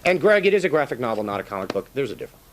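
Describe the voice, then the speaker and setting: Brisk, wry man on a panel. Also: mid-range voice, big pitch swings. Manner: brisk, wry, matter-of-fact. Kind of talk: late-night panel banter.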